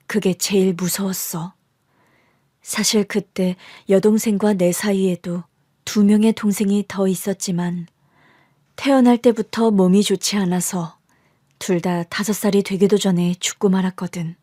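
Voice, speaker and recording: A woman voicing a middle-aged birth mother who softly confides the story of her hard past. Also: mid-range voice, steady tone, a little slow, dry recording, clean studio sound, lightly acted. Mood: confiding.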